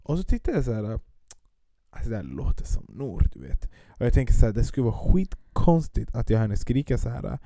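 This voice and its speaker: A man chats easily, piling up fillers as he tells a home story. His voice is very dark and mellow, and it sits close and dry with almost no room sound. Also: mid-range voice, sing-song, dry recording. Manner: laid-back storytelling with frequent fillers. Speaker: parent. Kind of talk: casual chat.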